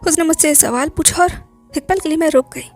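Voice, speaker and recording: A woman narrating a romantic story aloud in the first person, in a soft, reflective manner that often drops to a whisper. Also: high voice, brisk, faint music behind. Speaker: audiobook narrator.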